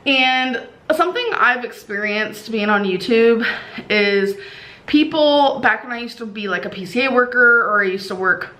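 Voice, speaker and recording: A woman's voice: fairly high pitch, moderate pace, bright, forceful tone. A woman telling a casual, gossipy storytime vlog in a chatty, rambling way, sounding tired. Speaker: online video creator.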